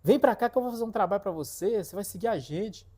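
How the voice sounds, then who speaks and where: A man voicing a spirit that speaks through an older woman, with a shrill, drawn-out, coaxing cry. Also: animated, a little mellow.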